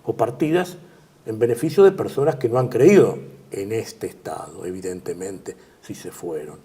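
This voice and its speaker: An older man with an Argentine Spanish accent gives measured political commentary as an interview guest. He trails off at the ends of phrases and fills pauses with "este," and his voice sits on the low side, dark and slightly rough.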